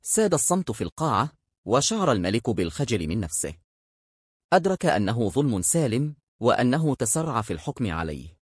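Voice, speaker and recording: A man tells a moral folk tale in a measured, expressive way. His voice is husky and his pitch moves freely. The recording is dry and close. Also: no room sound. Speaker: storyteller. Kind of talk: scripted story narration.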